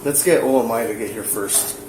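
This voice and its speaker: A man's voice: mid-range voice, a little fast, echoey room. Man on noisy, distant police bodycam audio. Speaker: police investigator at a scene. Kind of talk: police body cam audio, on-scene discussion. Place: inside a house, walking through rooms. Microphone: body-worn camera, off mic.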